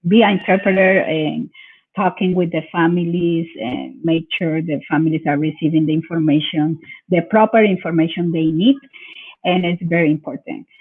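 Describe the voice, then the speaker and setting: Speaking over tinny, phone-like call audio, a Venezuelan woman gives conversational interview answers in a halting way, often searching for words. She is a bilingual parent educator whose first language is Spanish, and her Venezuelan Spanish accent comes through in a slightly rough voice on the low side.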